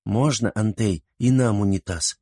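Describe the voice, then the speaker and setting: A man's voice: on the low side, unhurried, dark tone, breathy edge, no room sound, clean studio sound. A man reading an audiobook, voicing an eager, bossy little peasant girl. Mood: insistent. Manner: pleading, insistent.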